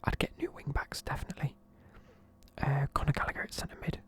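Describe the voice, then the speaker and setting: He's a young video creator whose mid-range, steady voice moves fairly quickly, though he keeps it to a whisper throughout. In this casual video he sleepily reviews football teams, swearing offhandedly.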